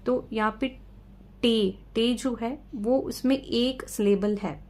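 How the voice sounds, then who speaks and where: Woman teacher, higher voice. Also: fairly even intonation, darkish tone. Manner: explains step by step, checks in with "ठीक है"; reads English definitions slowly and carefully. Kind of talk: exam-prep lesson.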